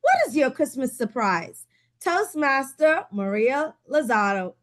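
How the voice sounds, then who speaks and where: A woman with a high voice speaks slowly and with care, leading a club meeting over a video call. She sounds upbeat and playful. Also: very animated, a bit bright. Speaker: Table Topics master at a club meeting.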